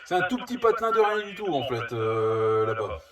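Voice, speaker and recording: This male CB radio operator chats casually over two-way radio, rambling and hesitant, with a medium-pitched, sing-song voice that runs a little fast. He sits distant from the mic in a roomy, echoing space, under heavy background noise.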